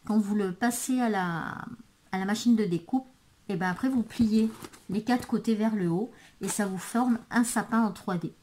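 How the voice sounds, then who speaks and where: A woman's voice: medium pitch, moderate pace, darkish tone, a little hiss or hum. Chatty woman showing craft supplies. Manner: hesitant, many fillers and restarts. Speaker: craft vlogger. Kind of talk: casual product show-and-tell.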